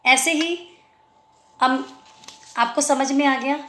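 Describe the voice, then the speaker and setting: A woman with an Indian accent teaching a children's Hindi lesson, stretching out each example word slowly and clearly. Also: high voice, a bit bright, roomy sound. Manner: slow, drawn-out pronunciation of example words.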